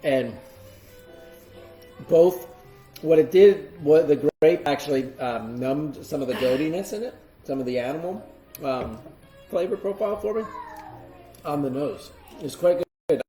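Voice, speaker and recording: A man co-hosts a live cheese tasting, explaining flavors in a relaxed, hesitant way. His voice is dark and mellow, and it rings in an echoey room. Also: a little high, measured pace, pauses often, faint music behind. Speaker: cheese shop host. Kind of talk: live-streamed tasting lesson.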